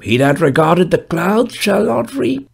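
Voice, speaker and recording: A man voicing a stern, dry-humored gravedigger of about fifty, speaking in a grave, measured, solemn way in an audiobook. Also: sits high, sing-song, creaky, slightly rough, voice pushed up, exaggerated voice. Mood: dry, grim. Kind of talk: audiobook character voice.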